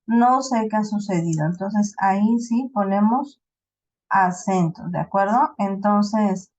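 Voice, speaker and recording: A woman with a Mexican accent teaching a class, explaining slowly and checking in with her students often. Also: mid-range voice, a little mellow. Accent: Mexican Spanish. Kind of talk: online class lecture. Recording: dull lo-fi voice recording.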